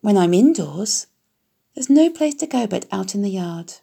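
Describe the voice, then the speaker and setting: A woman's voice: mid-range voice, animated, moderate pace, creaky, mellow, husky. A woman voicing a lonely, bored young male pig in a storybook.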